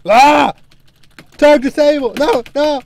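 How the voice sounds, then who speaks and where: Male gamer, squeaky baby voice, drawn-out sing-song delivery, whiny. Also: creaky, noisy background. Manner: silly put-on baby voice, whiny and yelping. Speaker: let's play gamer. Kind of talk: casual gameplay banter. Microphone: webcam recording at a computer.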